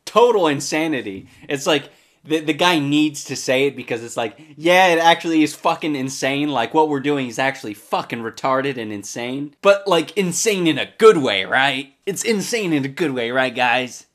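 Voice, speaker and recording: A young man delivering sarcastic comedy commentary, crude and mocking, his voice swinging up and down with lively expression. He sits a touch high for a man. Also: normal speed, soft background music. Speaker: comedy video host.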